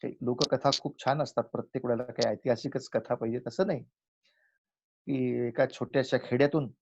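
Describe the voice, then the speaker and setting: A man giving a spiritual lecture, telling folk tales and slowly chanting verses between his explanations. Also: mid-range voice, a little mellow, highs cut off. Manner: acts out village characters in a folk tale, chants verses slowly.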